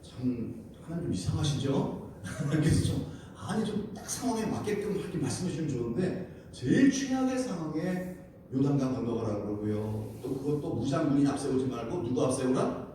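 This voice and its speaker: A man preaching in a church with a mellow, dark voice that swings widely up and down. He keeps questioning his congregation and tells the story with animated energy. The sound is very echoey and comes from a distant mic, with a faint hiss underneath. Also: mid-range voice, brisk. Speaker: pastor. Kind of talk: wednesday prayer service sermon. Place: church sanctuary.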